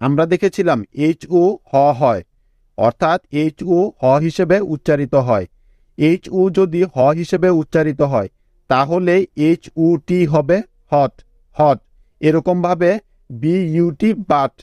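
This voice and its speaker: A man with a Bangladeshi accent teaching English phonics, spelling words letter by letter, repeating each one slowly and checking in with his students often. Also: fairly high pitch, a little mellow, no echo.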